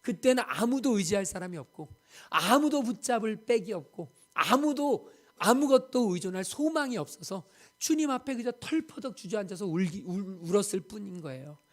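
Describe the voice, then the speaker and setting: A man's voice: high-pitched, sing-song, moderate pace, hardly any pauses. A male pastor preaching a sermon, telling a story dramatically and acting out the quoted speech with emphatic rises. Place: church sanctuary.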